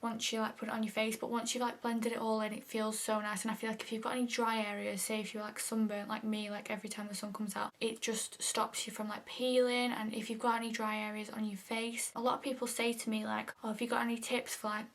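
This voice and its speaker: A young woman talks through her makeup routine in a loose, chatty way. Her voice sits a little high, and she often sinks into a soft half-whisper. Her sentences are full of casual fillers. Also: level tone, fairly quick, hardly any pauses. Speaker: makeup vlogger. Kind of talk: casual makeup tutorial chat.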